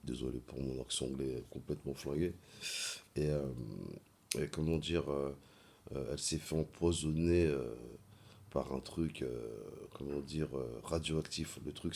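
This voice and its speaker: A man vlogging in a casual monologue, halting often with fillers and repeating words as he searches for them. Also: extremely low pitch, darkish tone.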